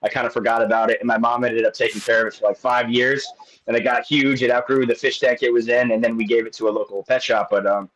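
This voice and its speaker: A man's voice: medium pitch, steady tone, fast talker, fairly bright tone, lo-fi sound, slight background noise. A man in his late thirties, a guest in casual chat, rambling along with many restarts and fillers. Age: 30s.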